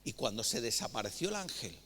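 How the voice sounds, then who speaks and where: A man with a Spain Spanish accent preaching a sermon, telling anecdotes and reading scripture in a lively storytelling manner, with a long reverb of a church hall. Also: medium pitch, a little fast. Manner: lively storytelling, acting out dialogue.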